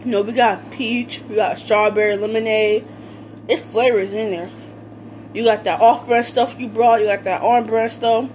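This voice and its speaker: A young woman vlogger casually tastes food and comments between bites while seated at a table in a small indoor room. Her fairly high voice is steady and a little mellow at normal speed, recorded close up on a phone camera with noisy home sound.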